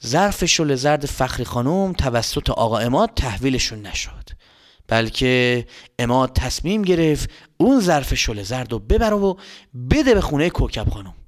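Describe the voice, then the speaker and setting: A man's voice: medium pitch, very animated. A man narrating a children's story, speaking directly to young listeners.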